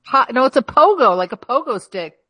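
A woman's voice: high-pitched, very animated, fairly quick, pushed and bright, no echo. A woman co-hosting a casual podcast, teasing the others in a wry, matter-of-fact way. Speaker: podcast co-host. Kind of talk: casual chat.

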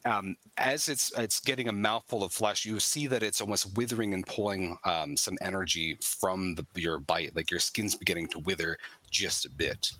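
A man narrating a tabletop game as game master, in a halting way with many ums and uhs. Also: low-pitched, bright, forceful tone.

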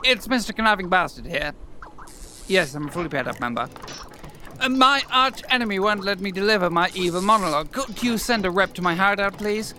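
A man's voice: high-pitched, brisk, pushed and bright, slight background noise. A man playing a pompous, easily flustered supervillain with a theatrical delivery in a comedy sketch. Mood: indignant. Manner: theatrical, flustered, stammering when challenged. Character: pompous, exasperated, petty male supervillain. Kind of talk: audio comedy sketch acting.

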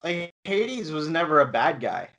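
A man's voice: on the high side, very animated, a little slow, gravelly, pushed and bright. A man in casual chat, rambling as he explains, with lots of restarts and fillers.

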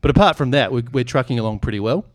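A man's voice: medium pitch, expressive, very fast, dry recording, clean studio sound. A man hosting a sports podcast in casual chat, joking and irreverent. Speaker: podcast host.

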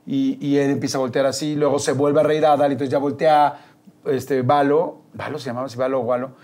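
A man's voice: medium pitch, brisk. A man with a Mexican accent telling an anecdote as a guest in casual chat, acting out the quotes. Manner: animated, acts out quotes. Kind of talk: casual storytelling.

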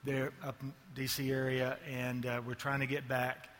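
A man's voice: mid-range voice, monotone, normal speed, fairly bright tone, long reverb tail, slight background noise. A male ad agency executive giving a conference keynote, full of joking, self-mocking asides.

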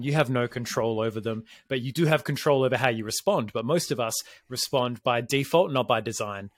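Male co-host, mid pitch, energetic, swears casually, dry close sound. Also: no echo. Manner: energetic, emphatic, swears casually, tags points with "right?". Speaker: podcast co-host. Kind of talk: casual podcast chat.

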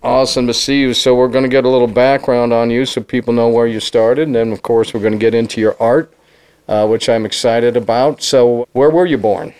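A man's voice: medium pitch, fairly even intonation, brisk, darkish tone, clean tone, no room sound. A man hosting a casual interview podcast, upbeat and promotional, with a Southern Californian accent. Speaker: podcast host.

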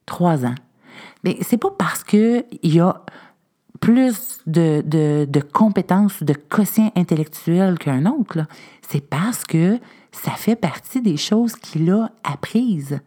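A woman's voice: on the low side, slow. A woman with a Québécois French accent giving parenting advice in casual conversation, acting out short scenes of what a parent might say. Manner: animated, acts out little scenes of what parents can say. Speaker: parenting expert guest.

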